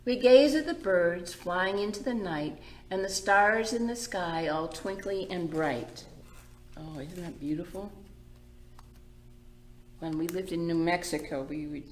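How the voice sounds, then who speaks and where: Reading a picture book to young children and putting easy questions to them, this middle-aged storytime host and children's librarian speaks in a low-set, darkish voice. The room gives the audio a noticeable echo.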